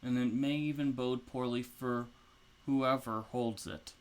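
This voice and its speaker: A man narrating a tabletop game as game master, explaining in an unhurried, filler-heavy way. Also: medium pitch, steady tone, clear, resonant tone.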